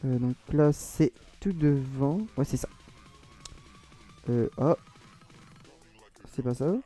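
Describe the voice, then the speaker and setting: A man with a French accent talks through a screen-recorded modding tutorial in a very dark, mellow voice. He rambles, hesitates and corrects himself as he goes. Faint music plays underneath. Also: medium pitch, slow. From France.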